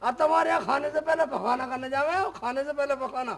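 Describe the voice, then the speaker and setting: A squeaky, foolish son-in-law. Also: male voice, fast talker, a bit bright. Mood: cheeky. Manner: squeaky, cheeky, takes every word literally. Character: foolish, literal-minded young son-in-law. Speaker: comic lead.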